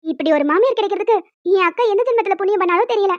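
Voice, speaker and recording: A woman's voice: extremely high pitch, racing, dry recording. A woman putting on the voice of a cheeky young woman, the wife's playful, teasing sister. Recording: dry, dull lo-fi audio, faint music.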